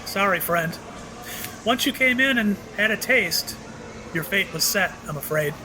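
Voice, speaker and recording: An actor in an audio drama plays a mysterious male shopkeeper with a high, very lively voice and a slightly slow pace. The shopkeeper is courteous and apologetic, and he hesitates as he makes cryptic remarks in a regretful, ominous mood. Clear background noise runs underneath.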